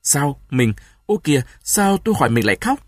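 A man's voice: mid-range voice, sing-song, quick pace, slightly rough, no echo, clean studio sound. A man playing a desperate, sorrowful peasant husband who speaks in an anguished, pleading way, in a storybook reading.

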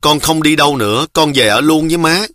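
A man's voice: on the high side, a little fast, sharp tone, dry recording, studio quality, voice pushed up. A man voicing a young male army deserter who talks earnestly to his mother.

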